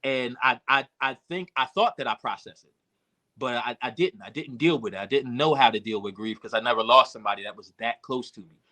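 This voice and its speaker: Man, bright tense voice, candid rambling storytelling, emotional. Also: mid-range voice, fairly quick. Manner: emotional, reflective, many fillers and restarts. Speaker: podcast guest, rapper and producer.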